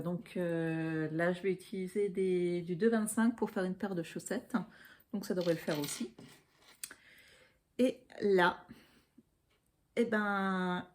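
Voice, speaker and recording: A woman's voice: on the low side, a little mellow. A woman in her forties from Alsace, chatting casually on her knitting vlog, with many fillers and counts muttered under her breath. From Alsace, France. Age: 40s. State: hands trembling, apologetic. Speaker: knitting podcaster. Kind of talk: casual show-and-tell vlog.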